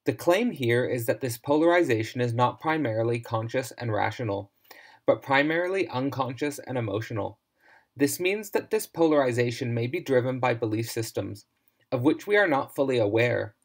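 A man's voice: medium pitch, animated, normal speed. Man reading a formal lecture. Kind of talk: scripted lecture narration.

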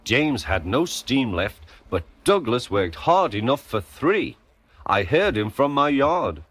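A man voicing a kindly old male steam engine, calm and earnest, in a storybook reading. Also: mid-range voice, takes it slowly, voice pushed up, full character voice.

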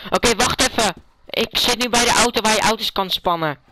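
A male vlogger giving live gaming commentary, making urgent, hurried calls to a teammate. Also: high-pitched, background noise.

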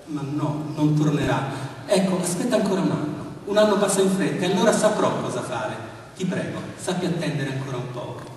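A man voicing a gentle middle-aged miller earnestly asking a woman to marry him. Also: fairly high pitch, animated, a little fast, close to an everyday voice. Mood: reassuring. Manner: earnest, pleading. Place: large hall of a villa's lemon house. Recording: echoey hall, far from mic.

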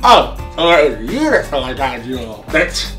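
A man in his twenties chatting excitably and swearing during a party game, his words sometimes garbled by a mouthguard. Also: mid-range voice, normal speed, faint music behind. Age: 20s. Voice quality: speech often garbled by a mouthguard. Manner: excitable, profane. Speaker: challenge participant in a group video. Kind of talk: casual chat in a party game. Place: small carpeted hotel-style living room. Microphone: camera a few metres away.

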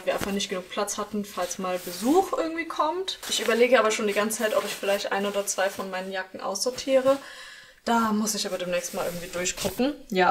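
In a lifestyle vlog, a young woman in her twenties chats casually to the camera from a small, bright apartment room. Her medium-pitched voice is upbeat as she runs through her chores, with some background noise in the recording.

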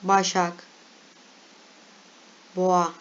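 A woman's voice: on the low side, monotone, extremely slow, clean tone, highs cut off. A young woman casually reading and reacting to lists aloud, chatty and laughing at herself. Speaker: vlogger.

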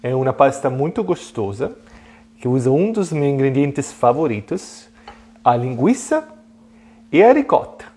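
A man's voice: mid-range voice, very animated, a little slow, warm tone. A man in his thirties with an Italian accent, a native Italian speaker, giving a casual, chatty, hesitant live cooking lesson. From Italy. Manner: chatty and hesitant, mixing Italian greetings into talk. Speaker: online cooking class host. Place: home kitchen, indoors. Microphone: clip-on lapel mic.

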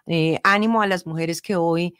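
Low-voiced woman hosting a radio show. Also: fairly even intonation, moderate pace, fairly bright tone, clean tone, no echo, studio quality. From Colombia. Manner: encouraging, affirming, many short acknowledgements. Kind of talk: interview. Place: radio studio. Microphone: studio mic.

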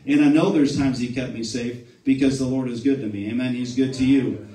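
A man's voice: medium pitch, steady tone, a little fast. A man preaching a sermon and calling people forward, often adding "amen" and restarting phrases. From Buffalo, New York area, US. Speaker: pastor. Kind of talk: sermon with altar call. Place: church sanctuary. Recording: echoey church room, distant mic, soft music.

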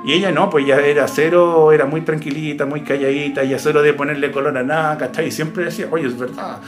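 A Chilean man casually telling a personal ghost story, lively and full of slang, imitating sounds as he goes. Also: a little high, a little fast, over music. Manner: animated, imitates barks and hoofbeats, slangy. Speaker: YouTuber telling ghost stories.

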